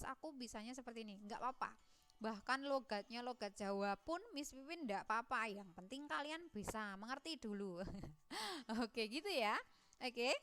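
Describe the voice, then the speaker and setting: A woman teaching an English lesson, playfully voicing her students' questions herself and drilling words slowly for them to repeat. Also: on the high side, a bit bright, smooth. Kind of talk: classroom lesson.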